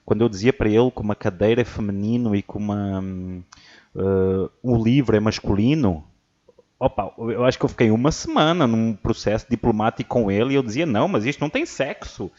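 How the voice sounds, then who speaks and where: A man's voice: fairly low pitch, fairly quick, mellow. A man hosting a podcast, chatting casually and telling stories with frequent restarts and repeated words. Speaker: podcast host. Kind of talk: casual chat. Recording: muffled lo-fi audio.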